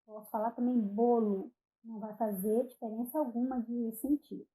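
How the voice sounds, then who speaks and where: A woman with a Brazilian Portuguese accent giving a recorded online phonetics lecture, speaking deliberately, spelling out example words one at a time and checking in with "ok?". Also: on the high side, steady tone, mellow, low-quality recording. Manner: frequent "ok?" check-ins and self-corrections. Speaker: university lecturer.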